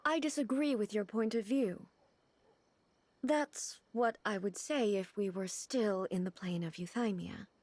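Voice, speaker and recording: A woman voicing a regal, composed female ruler in a video game cutscene, speaking in measured, formal and earnest sentences. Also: mid-range voice, darkish tone, dry recording, close to an everyday voice. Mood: solemn.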